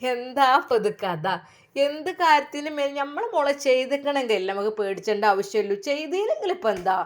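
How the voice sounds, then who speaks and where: A woman's voice: high-pitched, sing-song, a little fast. A woman voicing an older, motherly matriarch who asks coaxing, fussing questions, with a Malabar Malayalam accent. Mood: concerned. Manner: warm scolding, coaxing questions.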